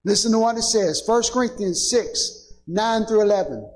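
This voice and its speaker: A pastor preaching a sermon in a church, building to emphatic peaks and calling out "Amen?" to the congregation. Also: male voice, high-pitched, moderate pace, rough recording. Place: church sanctuary.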